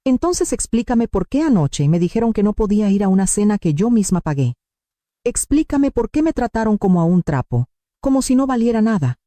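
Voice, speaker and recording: Dark-voiced woman narrating a story. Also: mid-range voice, very animated, brisk, dry recording. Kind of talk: scripted first-person narration.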